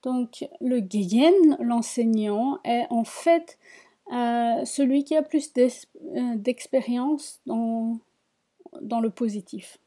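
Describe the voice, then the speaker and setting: A woman teaching a reading lesson, spelling out syllables one by one and repeating each word slowly. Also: a little high, warm tone. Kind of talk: slow spoken language lesson.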